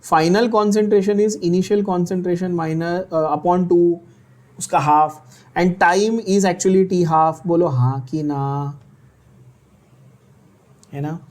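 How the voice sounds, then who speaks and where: A man's voice: sits high, fairly even intonation, darkish tone. A man with an Indian accent teaching chemistry in a Hindi-English mix, teasing students and checking they follow. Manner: teasing, scolds students playfully; slow, drawn-out explanations with frequent checks.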